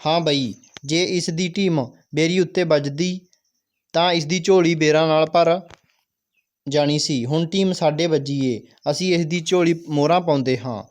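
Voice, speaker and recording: A man reading the part of a kind, generous king in a school play, speaking gently in his own voice. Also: a little high, moderate pace, natural voice. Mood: kindly.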